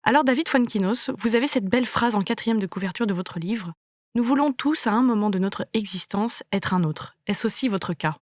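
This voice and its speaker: A woman hosting a book podcast, asking her guest measured, polished questions. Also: mid-range voice, dry recording, studio quality. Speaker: podcast host. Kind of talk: interview questions.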